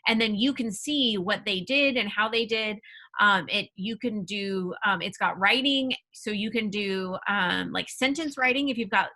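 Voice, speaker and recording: Candid bright-voiced woman panelist. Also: mid-range voice, unhurried. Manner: candid, rambling, laughs easily. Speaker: homeschooling parent and panelist. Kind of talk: casual panel discussion.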